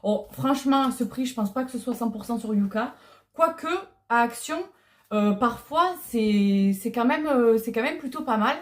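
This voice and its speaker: Her voice is on the high side at a normal speed as this middle-aged vlogger chats casually through an unboxing. Recorded on a clip-on lapel mic, she's hesitant and full of fillers.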